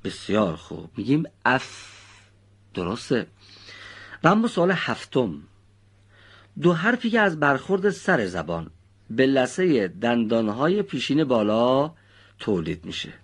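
A man's voice: mid-range voice, big pitch swings, breathy edge. Guy teaching kids recitation pronunciation, patient, praises a lot, voice goes up and down a lot. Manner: patient, praising, precise explanations.

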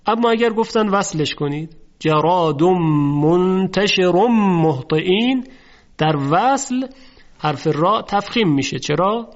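A man teaching the rules of Quran recitation. He explains each rule step by step, asks questions and answers them himself, and slows down to recite verses. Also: high-pitched. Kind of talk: tajweed lesson, explaining and reciting. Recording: dull lo-fi recording.

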